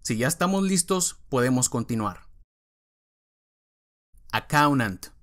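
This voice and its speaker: A man teaching vocabulary, reading words one at a time with clear, careful pronunciation and pauses between them. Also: mid-range voice, a bit bright. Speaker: English teacher.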